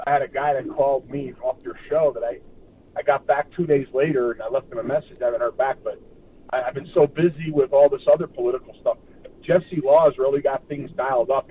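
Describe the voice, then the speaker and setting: Casting: halting male interview guest, mid-pitched, on a thin phone connection. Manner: halting, repeats words. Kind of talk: casual interview chat. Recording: tinny distant phone line with noise.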